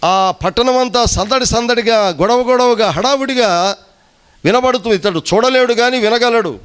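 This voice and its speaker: High-pitched guy preaching, repeats lines, voice climbs and dips a lot. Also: moderate pace, a bit bright, smooth. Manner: emphatic preaching with repeated phrases and sweeping rises and drops in pitch. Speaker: pastor. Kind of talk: sermon.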